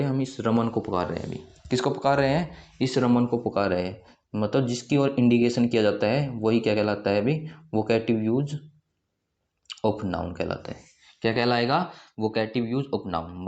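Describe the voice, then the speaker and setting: Male teacher, mid pitch, quizzing the class and answering himself, slightly muffled recording. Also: darkish tone. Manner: asks questions and answers them himself. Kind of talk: classroom grammar lesson.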